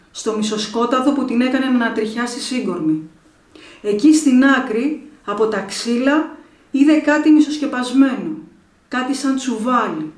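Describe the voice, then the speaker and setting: A woman storyteller reading a folk tale aloud in a measured, expressive way, in an echoey room. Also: a little high. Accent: Greek.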